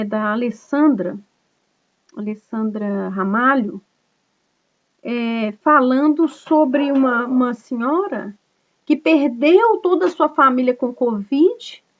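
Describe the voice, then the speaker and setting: A woman pastor preaches to a small online group in an earnest, chatty way, checking in with listeners as she goes. Her voice sits high. The sound is dull and lo-fi, like a home video call. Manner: earnest, conversational preaching with frequent tag questions. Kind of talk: online cell group sermon.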